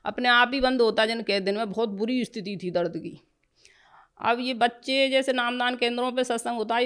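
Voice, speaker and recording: A woman giving an earnest, emotional personal testimony in plain colloquial speech. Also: medium pitch.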